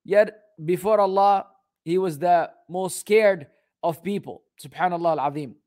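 A teacher gives an Islamic religious lesson, switching between Arabic text and its English translation. His English comes out halting, but he recites the Arabic rapidly and fluently. The man's voice sits high with a darkish tone.

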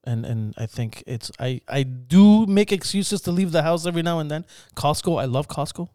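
A man's voice: a little high, normal speed, dark tone, no echo, clean studio sound. A man hosting a podcast, chatting casually, joking and swearing often. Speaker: podcast host. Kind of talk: casual chat.

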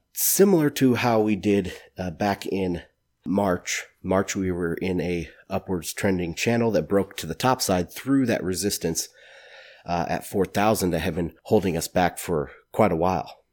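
A man's voice: deep voice, a little slow, darkish tone. A man with a stuffy, congested nose hosting a solo market commentary podcast in an informal, opinionated way. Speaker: podcast host.

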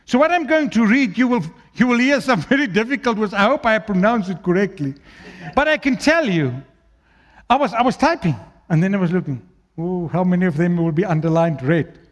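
A South African male preacher whose first language is Afrikaans delivers a sermon in an Afrikaans accent. His fairly high, animated voice jumps all over its range at a fairly quick pace. He swings from ringing, loudly declaimed lines down to hushed, low asides.

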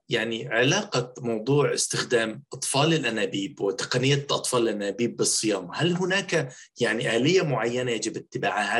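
Fast-talking, husky male interviewer. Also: medium pitch, a bit bright. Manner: formal, wordy, courteous phrasing. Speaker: interviewer, host. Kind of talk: formal interview questioning.

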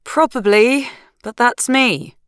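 A woman's voice: fairly high pitch, takes it slowly, fairly bright tone, smooth, no room sound, studio quality, pitched above the performer's own voice. A woman narrator voicing an anxious, easily provoked young wife, pleading and emphatic. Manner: fretful, pleading, rising emphasis.

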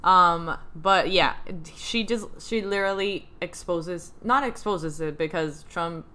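A woman's voice: fairly low pitch, slow, pushed and bright. A young woman co-hosting a casual celebrity news chat, hesitant and full of fillers. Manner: hesitant, many fillers and restarts. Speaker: co-host.

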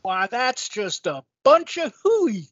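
A high voice playing a whiny young male prosecutor who talks in folksy country slang. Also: big pitch swings, takes it slowly, fairly bright tone, soft background music. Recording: muffled lo-fi audio.

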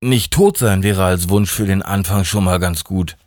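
Man putting on a drowsy, calculating young woman in a storybook reading, higher voice, dry close sound. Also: moderate pace, darkish tone, no room sound, close to an everyday voice. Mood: drowsy sly. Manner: drowsy, then demanding. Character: sleepy, sharp-tongued young woman, calculating.

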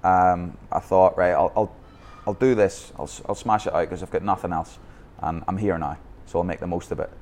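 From Northern Ireland and speaking with that accent, this youth football academy founder in Bangkok tells his coaching story in a podcast interview. His deep, darkish voice holds fairly even intonation at a moderate pace with hardly any pauses, and he's candid, restarting often.

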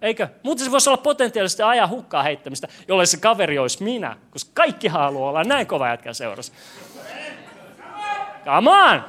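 With a high, sing-song, sharp-toned voice, a young pastor gives a lively sermon in a church hall. He jokes about himself, questions the congregation, and keeps stumbling over his words, stammering and starting again.

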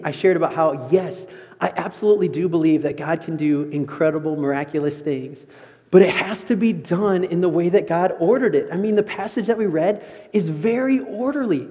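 Young male pastor preaching in an echoing hall. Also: on the high side. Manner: animated storytelling. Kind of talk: sermon. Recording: muffled sound, long reverb of a large room.

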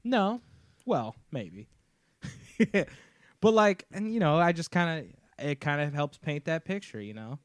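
Young male podcast co-host from Ohio, Northeast Ohio accent, playful and quick to laugh, dry close-miked sound. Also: no echo. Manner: joking, laughs often, lively pitch swings. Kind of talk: casual chat.

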